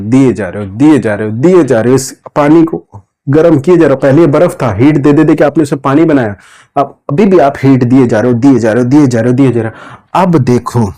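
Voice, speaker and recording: A man's voice: medium pitch, mellow. A man lecturing a class, asking questions and answering them himself, repeating key phrases again and again. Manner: repetitive call-and-response questioning, drawn-out key words. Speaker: teacher.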